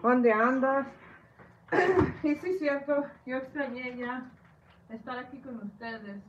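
A woman's voice: sits high, lively intonation, slow pace. Woman host, casual cooking livestream, self-deprecating chatter, a little nervous; phone on a tripod, somewhat muffled audio with light background noise. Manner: chatty, self-deprecating, greets viewers by name. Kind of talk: casual live chat while cooking. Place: home kitchen.

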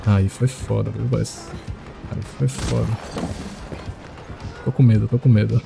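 A man giving excitable live commentary as he plays a horror game, chatting to his viewers and jumping to high yelps when he panics. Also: unhurried, creaky, over music. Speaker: streamer playing a horror game.

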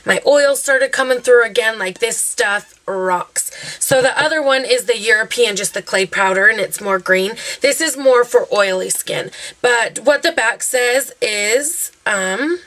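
A chatty young woman raves about her favorite beauty products, her voice bright and a little high. She rambles happily, scattering "um" and "like" as she goes. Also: a little slow. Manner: chatty, gushing, lots of fillers. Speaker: beauty vlogger. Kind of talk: casual favorites review.

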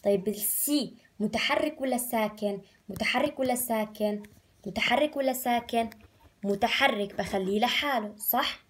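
A woman's voice: fairly high pitch, slight background noise. A woman with a Levantine Arabic accent teaching first graders, drawing out syllables and asking coaxing questions. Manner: slow drawn-out syllable spelling, coaxing questions. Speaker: primary school Arabic teacher. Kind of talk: recorded remote lesson for first graders.

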